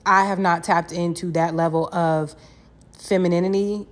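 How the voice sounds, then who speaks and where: A woman's voice: lowish voice, steady tone, normal speed. A young woman chatting casually as a solo podcast host, candid and slangy, swearing freely and repeating phrases for emphasis. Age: young adult.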